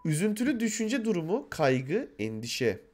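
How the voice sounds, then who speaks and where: A man's voice: high-pitched, sing-song, normal speed, very noisy. A man streaming live, reading quiz clues aloud and teasing his friends in a casual, joking way.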